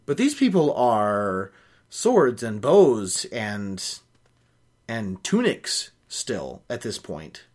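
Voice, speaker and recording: A young adult man in a small home office reads a novel for his book-reading show, stopping often for picky, opinionated asides. He speaks very slowly, his fairly low voice darkish in tone and swooping wildly in pitch.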